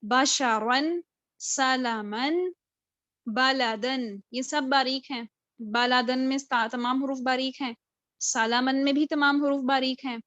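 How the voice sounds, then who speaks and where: A woman teaching Qur'an recitation in a live online class, patiently drilling each letter and spelling words out slowly, syllable by syllable. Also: sits high, pushed and bright, dry recording. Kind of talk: live online tajweed lesson. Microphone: video call. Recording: dull lo-fi video call audio.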